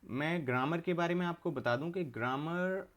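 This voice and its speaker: A man's voice: fairly high pitch, normal speed, fairly bright tone. A young adult man, teaching an online exam-prep English class, explaining each term step by step and repeating it.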